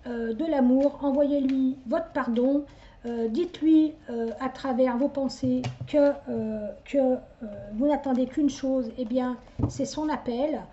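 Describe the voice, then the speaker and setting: A woman's voice: sits high, dark tone, muffled recording, a little hiss or hum. A middle-aged woman giving a psychic reading, talking straight to viewers in a rambling way, with many hesitations and stuttered restarts. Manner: talks directly to the listener, chatty and insistent. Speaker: psychic medium. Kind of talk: casual spoken reading to viewers.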